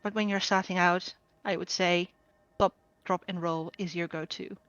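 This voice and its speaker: A woman's voice: fairly low pitch, fairly even intonation, normal speed, a bit bright, smooth, dry recording. Woman teaching over group voice chat. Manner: explanatory, with frequent ums. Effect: group voice chat audio. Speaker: guild trainer. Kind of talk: game build tutorial. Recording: dull lo-fi voice chat mic.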